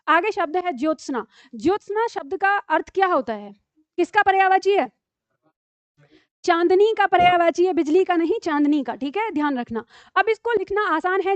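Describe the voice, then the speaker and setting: A woman's voice: extremely high pitch, dry recording, lo-fi sound. A woman teacher giving a live classroom lecture, patiently explaining spelling tricks and asking her students questions. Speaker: Hindi teacher.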